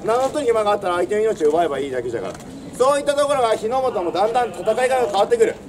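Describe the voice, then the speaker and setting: A man's voice: high voice, very animated, very fast, recorded from a distance. A young man giving a theatrical history lesson outdoors in old samurai speech, projecting in a swaggering, declamatory storyteller's manner. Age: young adult. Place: outdoors in front of a castle stone wall. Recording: outdoor recording with crowd, birds and traffic.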